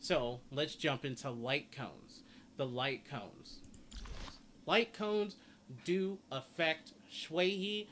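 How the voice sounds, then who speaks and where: His voice leans high and fairly bright, and he goes at a slow pace as a gaming guide creator giving an easygoing video game guide, reading off stats as he explains. Behind him, game sounds and ambience come through as clear background noise.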